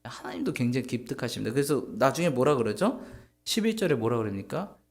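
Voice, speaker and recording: A male pastor preaching in a homely, joking way. His voice rises and falls with a lot of movement and has a gravelly edge. He keeps asking the congregation questions and acting out what people say. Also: medium pitch, expressive, fast talker. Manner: asks the congregation questions and acts out quoted speech; jokey and homely. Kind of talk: conversational Sunday sermon.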